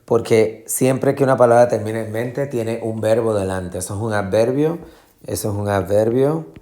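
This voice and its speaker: A man teaching a Spanish lesson, explaining patiently and repeating words slowly to show where the stress falls, with English fillers mixed in. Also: fairly low pitch, dark tone. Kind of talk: classroom lesson.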